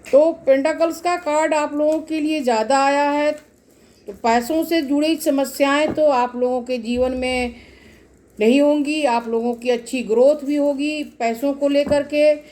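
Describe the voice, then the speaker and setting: A woman's voice: sits high, steady tone, a little slow, darkish tone. A woman giving a casual tarot reading to her viewers, explaining each card at length and speaking to them directly. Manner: explains cards repetitively, addresses viewers directly. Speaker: tarot reader.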